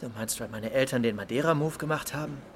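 A man's voice: medium pitch, fast talker, a little hiss or hum, lightly acted. A young man playing a casual, hesitant, slightly clueless schoolboy in naturalistic drama dialogue. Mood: resigned.

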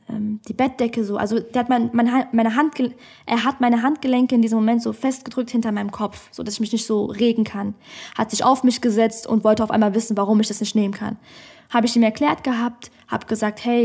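A woman's voice: on the high side, darkish tone. A woman comedian telling a personal story on a podcast in a studio, blunt and outspoken.

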